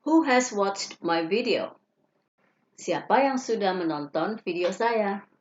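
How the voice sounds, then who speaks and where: A woman teacher reads example sentences aloud at an unhurried, deliberate pace. The recording sounds dull and lo-fi. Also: medium pitch, expressive. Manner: slow, careful reading, each English sentence followed by its Indonesian translation. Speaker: English teacher. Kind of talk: reading example sentences slowly.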